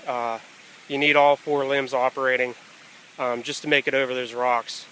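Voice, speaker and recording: A man narrating a hiking vlog in a casual, unscripted way, often pausing mid-thought, recorded outdoors on a handheld camera. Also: mid-range voice, level tone, pushed and bright, low-quality recording. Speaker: hiker filming a trail vlog. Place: outdoors on a wooded rocky trail near a stream. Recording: outdoor camera audio with ambient noise.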